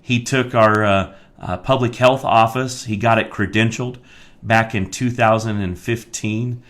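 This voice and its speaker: An American man hosting a live stream as a county commissioner, talking emphatically and getting worked up, then speaking in a halting way with many fillers. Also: lowish voice. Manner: worked-up, emphatic, rising to near-shouting; many fillers and restarts when calmer. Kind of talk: live-streamed political talk.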